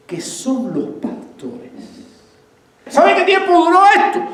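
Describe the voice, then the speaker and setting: A man preaches a sermon in a very high voice that rings around an echoey church room. He keeps asking his congregation questions and answering them himself. He mixes in laughs and raised, lively bursts. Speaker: pastor.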